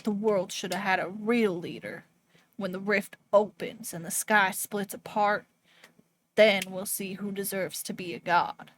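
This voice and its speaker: A woman's voice: medium pitch, fairly even intonation, measured pace, slight background noise, close to an everyday voice. A woman voicing a scornful villain's cruel farewell letter in a sneering, mocking tone.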